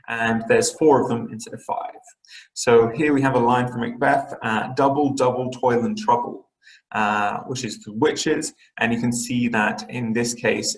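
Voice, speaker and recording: A man's voice: mid-range voice, reverberant, poor audio. A man teaching an online English literature lesson, explaining patiently with frequent fillers and restarts.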